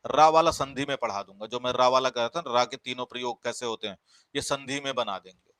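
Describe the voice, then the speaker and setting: A man's voice: medium pitch, brisk, a bit bright, smooth, dry recording. A man teaching a grammar class, explaining step by step, repeating key words and asking the class questions. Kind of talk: live online grammar class.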